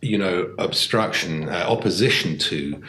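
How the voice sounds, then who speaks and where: A man's voice: deep voice, unhurried, pushed and bright. A British man in a political panel discussion, speaking with many fillers and restarts. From Britain. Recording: echoey room, faint noise.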